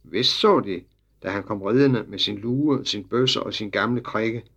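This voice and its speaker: A man reading a children's story aloud as narrator, in lively storytelling that drops low for the speech tags. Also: gravelly. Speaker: audiobook narrator.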